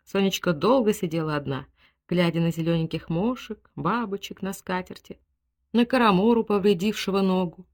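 Выразительная чтица аудиокниги. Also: female voice, on the low side, moderate pace. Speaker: audiobook reader. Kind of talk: scripted narration.

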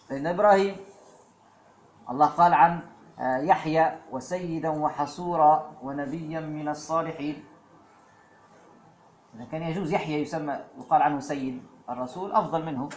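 Man, religious lesson, roomy echo, faint background noise. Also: fairly high pitch. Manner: fillers and asides, slows to recite verses. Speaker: preacher. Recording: echoey room with faint ambience.

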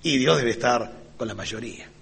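A man preaching a sermon as pastor, ironic and sarcastic, with lively delivery. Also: medium pitch, normal speed, gravelly, husky. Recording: reverberant hall.

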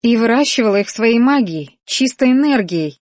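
A woman's voice: a little high, animated, moderate pace, darkish tone, dry recording, clean studio sound, voice pushed up. A woman voicing a flustered, hot-tempered young female mage in an audiobook, with snappish, indignant outbursts.

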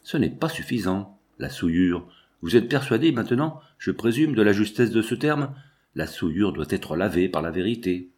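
A man's voice: lowish voice, animated, normal speed, darkish tone, natural voice. A man voicing an insistent, prying priest. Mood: probing. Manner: insistent, probing questions. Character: pushy, prying male priest, middle-aged.

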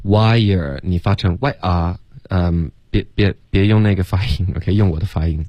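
A deep-voiced man coaching English pronunciation. He corrects students one by one and models each sound slowly. The sound is dry and close. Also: steady tone, dry recording, dull audio. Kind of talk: pronunciation coaching in a broadcast class.

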